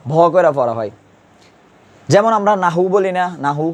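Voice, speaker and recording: A man's voice: fairly high pitch, lively intonation, moderate pace. A man teaching an Urdu grammar class, speaking colloquially and patiently drilling pronunciation with repeated questions to his students. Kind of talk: classroom lesson.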